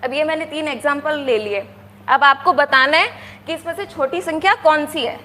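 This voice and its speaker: Brief: female primary teacher, very high voice, coaxing and patient, long reverb of a classroom. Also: bright, forceful tone, slight background noise. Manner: coaxing, asks "right?" often, counts aloud slowly. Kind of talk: explaining to young children. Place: classroom with a board.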